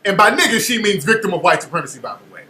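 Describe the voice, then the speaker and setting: A man hosting a show, reacting to a played clip with animated, incredulous commentary. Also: high-pitched, rapid-fire, echoey room, noisy background. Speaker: show host.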